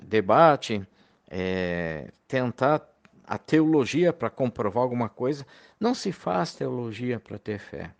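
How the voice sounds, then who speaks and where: A man's voice: medium pitch, creaky. A man preaching a recorded sermon to fellow believers, in an earnest, pleading and heartfelt manner.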